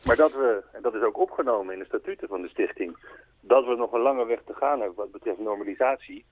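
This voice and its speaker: A man's voice: on the low side, fast talker, dry recording. Man explaining earnestly over a tinny phone line. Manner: earnest, explanatory, patiently clarifying. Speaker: spokesperson for a foundation, interviewee. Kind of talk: radio phone interview. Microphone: telephone.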